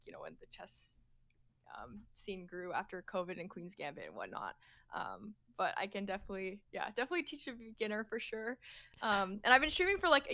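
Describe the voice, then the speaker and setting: A young woman chatting casually as a guest on a stream, hesitant with many fillers and quick to laugh. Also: mid-range voice, creaky, sharp tone, dry recording. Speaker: chess streamer, guest coach.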